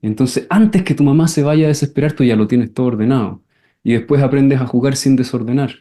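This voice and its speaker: A man leads an enneagram class at a measured pace. His voice sits at a middle pitch, and now and then he repeats words as he explains. He often acts out little scenes in sudden shouted voices. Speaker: enneagram teacher. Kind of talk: class lecture with questions and answers.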